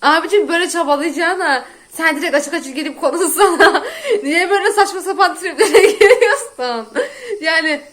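A woman's voice: very high voice, moderate pace, a bit bright. A young woman vlogger telling a story in casual chat, exasperated and often breaking into laughter as she rants. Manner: exasperated, laughing while ranting.

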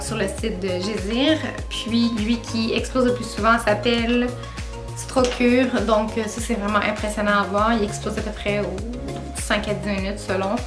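A woman in her twenties with a Québécois French accent, talking casually to camera about her travels, with lots of filler sounds. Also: a little high. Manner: chatty, many filler "euh"s, laughs at herself. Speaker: travel vlogger. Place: small room indoors with string lights and bookshelf. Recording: roomy echo, music behind.

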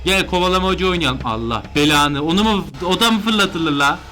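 A man commenting live on a horror game he is playing, excitable and panicky when chased. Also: high voice, a little fast. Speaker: gameplay streamer.

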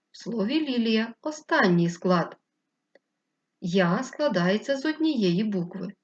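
A woman teacher giving a slow, clear first-grade lesson, patiently spelling words out syllable by syllable. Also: mid-range voice, darkish tone. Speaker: primary school teacher. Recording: slightly dull lo-fi recording.

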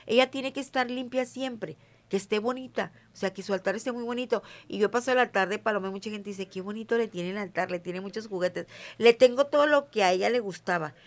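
Her voice sits at medium pitch and moves slightly quickly as this middle-aged Mexican interviewee, who describes herself as a witch, chats with emphasis. "¿Sí me entiendes?" crops up often in the easygoing conversation.

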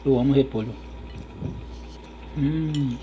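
A man's voice: mid-range voice, slow, mellow. A man chatting casually to his viewers while chewing food, in an eating vlog. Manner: chatty, addresses viewers directly. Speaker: mukbang vlogger. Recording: dull lo-fi recording with faint noise.

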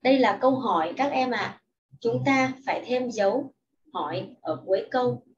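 A woman teaching young children English in a slow, patient lesson, reading each sentence and explaining it in Vietnamese. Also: on the high side, distant mic, muffled recording, crowd noise. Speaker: primary school English teacher.

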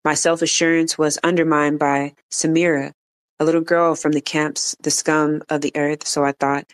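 Audiobook narrator; flat, smooth, measured delivery. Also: medium pitch. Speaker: audiobook reader. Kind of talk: reading an autobiography aloud.

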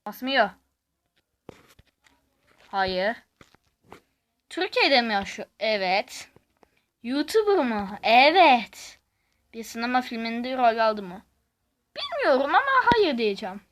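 High, bright-voiced woman casually commentating. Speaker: YouTube gaming host. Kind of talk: casual gaming commentary, reading questions aloud.

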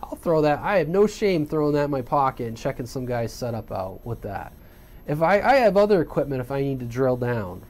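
Working at a home bench indoors, a man delivers a casual, unscripted hobby radio tutorial in everyday language, regularly checking in with whoever's listening. His mid-range voice is sing-song, fairly quick and darkish.

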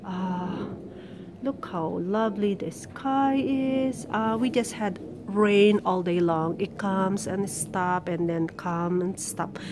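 A woman giving a casual, halting, rambling vlog narration outdoors in a backyard, filming with a handheld camera. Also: mid-range voice. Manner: informal, halting, rambling delivery. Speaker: vlogger showing their plants. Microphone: handheld camera, behind the lens. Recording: outdoor background noise.

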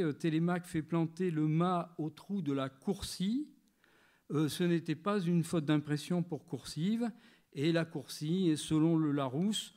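A man in his sixties reads a prepared lecture aloud at a literary gathering. His high, slightly mellow voice is measured and literary, and he occasionally pauses, hesitating over a phrase.

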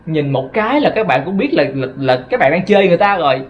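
A man's voice: on the high side, big pitch swings, quick pace, dull audio. A man from Vietnam with a Southern Vietnamese accent, rambling through a casual monologue to his viewers, often stumbling and repeating words. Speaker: vlogger.

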